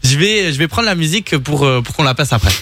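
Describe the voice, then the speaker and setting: A man's voice: fairly high pitch, animated, quick pace, fairly bright tone, slight background noise. A man co-hosting a radio show, playful and self-mocking in casual banter. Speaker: radio co-host. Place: radio studio.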